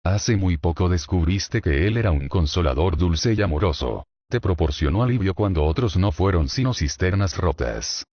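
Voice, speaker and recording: A man with a very low, deep voice reads a sermon with solemn, declamatory weight. He builds his points through rhetorical questions. The recording is dull and lo-fi, with no room echo at all. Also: expressive, moderate pace, few pauses. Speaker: sermon reader.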